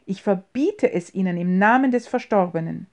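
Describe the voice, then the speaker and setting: A woman's voice: medium pitch, animated, moderate pace, dark tone, natural voice. A woman voicing a small, proud old clerk in an audiobook reading, earnest and indignant, with clipped words.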